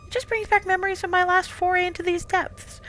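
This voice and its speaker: A woman voicing a calm, wry young woman exploring a mine. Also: extremely high pitch, quick pace, slight background noise, voice pushed up.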